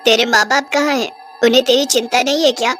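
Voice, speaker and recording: A woman's voice: a little high, steady tone, brisk, fairly bright tone, close to an everyday voice. A woman voicing a menacing, hungry female witch with a gloating, cackling manner in a storybook cartoon. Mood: scornful. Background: music.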